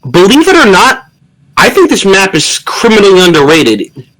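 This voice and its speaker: A young man with a fairly high voice chats casually about games. His pitch swings freely as he talks, and his manner is animated and offhand. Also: moderate pace, rough recording. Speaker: guest. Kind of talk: casual gaming chat.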